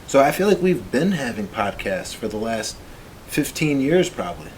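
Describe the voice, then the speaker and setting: A man in his late twenties co-hosting a casual podcast, easygoing and quick to laugh. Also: mid-range voice, big pitch swings, a little hiss or hum. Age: 20s. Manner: easygoing, laughs often, reads sponsor plugs. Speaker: podcast co-host. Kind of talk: casual chat.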